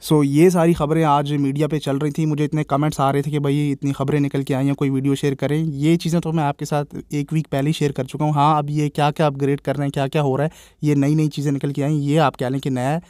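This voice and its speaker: Fast-talking, opinionated Pakistani Urdu man. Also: fairly high pitch, a little mellow, no room sound, clean studio sound. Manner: opinionated, exasperated, addresses viewers as brother. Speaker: cricket vlogger. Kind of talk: casual commentary to viewers.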